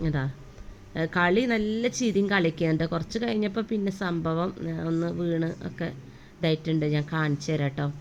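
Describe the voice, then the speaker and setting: Fast-talking mother vlogging. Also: lowish voice, muffled recording, a little hiss or hum. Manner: chatty, homely, with frequent tag words. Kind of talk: casual day-in-my-life voice-over.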